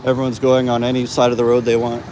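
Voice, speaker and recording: A man's voice: medium pitch, completely flat delivery, fast. Rambling man on a street walk. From Canada. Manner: rambling, loose, full of fillers and restarts. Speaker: vlogger and host. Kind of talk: casual walking livestream chat. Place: outdoors on a busy roadside. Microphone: phone held while walking. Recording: phone audio with loud traffic. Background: passing vehicles and street noise.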